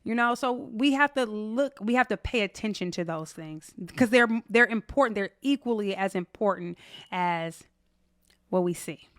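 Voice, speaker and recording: A woman's voice: mid-range voice, animated, normal speed, a bit bright, dry recording, clean studio sound. Emphatic woman. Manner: emphatic, playful, repeats phrases for effect. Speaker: podcast co-host. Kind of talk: relationship advice chat.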